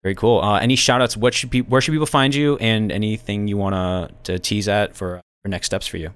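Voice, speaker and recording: A man hosting a podcast, speaking in a relaxed, halting way with many fillers. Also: lowish voice, clear, resonant tone, no room sound. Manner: relaxed, hesitant, lots of fillers. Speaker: podcast host. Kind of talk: casual podcast interview.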